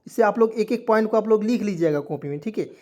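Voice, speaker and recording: A man's voice: high-pitched, lively intonation, darkish tone. A man from rural India teaches English to Hindi speakers, sounding out each letter and then drawing out every meaning word by word. He keeps checking in with the listeners. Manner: spells letters out and repeats meanings slowly, keeps asking "okay?". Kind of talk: Hindi lesson spelling out English phrases.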